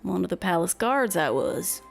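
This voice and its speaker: A woman voicing a grim retired male palace guard in a game, with a low, somber, slow delivery. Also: very animated, gravelly, soft background music. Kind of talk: reading game dialogue aloud in voices.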